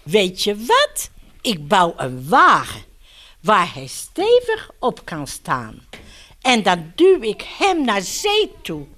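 A woman reading aloud and voicing a proud, handy male bear who builds his own boat, in a lowered voice. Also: huge pitch swings, slow pace, fairly bright tone, exaggerated voice. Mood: pleased. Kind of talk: storybook read-aloud acting.

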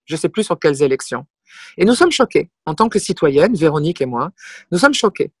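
A woman's voice: deep voice, fairly quick, slightly rough, no echo, studio quality. A middle-aged woman, a singer and comic performer, telling stories as an interview guest with emphatic repetitions. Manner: lively anecdotal storyteller with emphatic repetitions. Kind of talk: casual interview storytelling.

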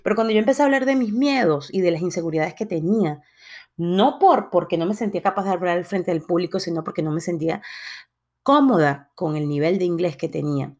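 A woman's voice: lowish voice, fairly quick, a little mellow. A young Latin American woman with a Latin American accent, giving an earnest motivational talk with hesitant fillers and restarts. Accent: Latin American Spanish. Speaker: motivational speaker.

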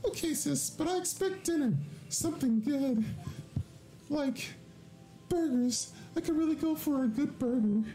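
A man voicing a perky, teasing young woman, a little sister, in a high falsetto while reading a game aloud. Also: a little slow, dark tone, reverberant, faint music behind. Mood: playful. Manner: high falsetto girl voice, playful. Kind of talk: let's play voice reading.

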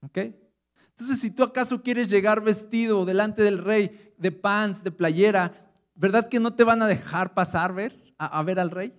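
Mexican pastor, middle-aged man, conversational sermon delivery with rhetorical questions, slightly higher voice. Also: measured pace. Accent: Mexican Spanish.

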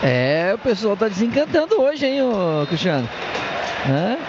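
A man's voice: high voice, big pitch swings, measured pace. A man chatting informally as a radio football pundit, often ending on tag questions. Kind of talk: informal unscripted match chat. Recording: dull broadcast, loud stadium noise.

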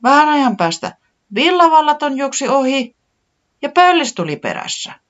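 Tiputi, a reader doing a high, fretful little chick. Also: lo-fi sound. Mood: excited. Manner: high, excited and complaining. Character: small sick worried chick, easily upset.

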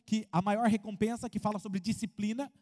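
High-voiced pastor preaching in hall. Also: male voice, a little fast. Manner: animated preaching, acts out congregants' voices. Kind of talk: sermon.

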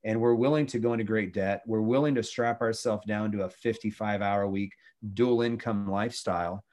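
A man's voice: lowish voice, fairly even intonation, brisk, darkish tone. A middle-aged man, a former youth pastor, talking about faith and family in an earnest, preachy way with many restarts.

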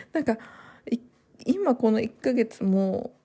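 Mellow-voiced woman chatting casually. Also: fairly high pitch, animated, husky. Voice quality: soft, chatty, with frequent fillers and pauses. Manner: trails off in long run-on sentences. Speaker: vlogger and new mother. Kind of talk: casual chat to camera.

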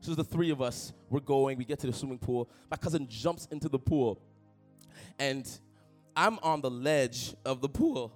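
A young pastor from Toronto, Canada delivers a sermon built on personal stories, his mid-range male voice moving at a moderate pace over faint music. He is animated and jokey, telling funny anecdotes and calling out to the congregation.

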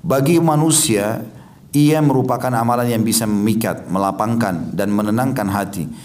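A man giving a religious lecture, explaining hadith and reciting verses in Arabic with a steady teaching manner. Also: on the low side, normal speed. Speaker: Islamic preacher.

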